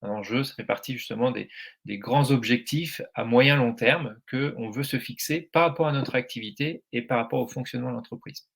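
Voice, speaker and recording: A man's voice: mid-range voice, fairly quick, creaky, a bit bright, slightly rough. A French man giving a presentation at a meetup, speaking hesitantly with many fillers and restarts. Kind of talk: presentation talk.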